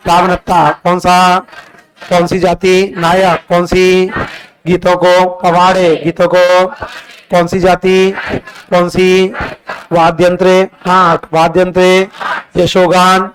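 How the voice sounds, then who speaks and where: A male teacher, lecturing a class and drilling students with quick repeated questions. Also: high voice, rough recording. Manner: brisk, quizzing students with rapid repeated questions.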